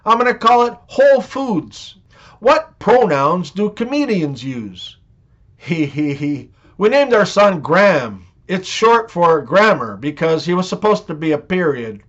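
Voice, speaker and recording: A man reading jokes and one-liners in a steady storytelling delivery. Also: sits high, measured pace. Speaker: joke teller. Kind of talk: scripted joke reading. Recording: dull lo-fi recording.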